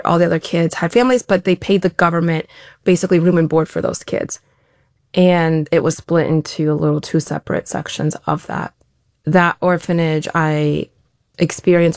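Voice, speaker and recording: A woman's voice: lowish voice, gravelly, dry recording, clean studio sound. A woman answering interview questions as an elite athlete guest, talking in a reflective, open way with frequent restarts.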